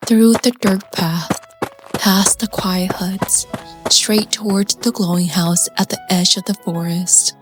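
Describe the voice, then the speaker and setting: A woman narrating a scripted folk story in a soft, hushed voice that sometimes drops to a whisper. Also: mid-range voice. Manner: soft, slow and hushed, slipping into whispers at tense moments.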